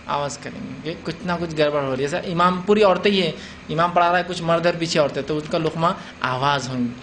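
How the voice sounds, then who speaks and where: A man's voice: high-pitched, a bit bright, a little hiss or hum. A man from India giving a religious lecture, explaining points conversationally with rhetorical questions and acted-out examples. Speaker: Islamic lecturer.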